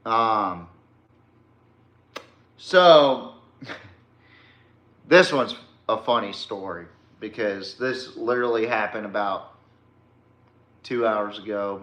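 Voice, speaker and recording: An American man from Texas hosts a sports podcast, ranting casually with blunt, emphatic, profane opinions. His voice sits fairly low and has a sharp tone, captured in an echoey room.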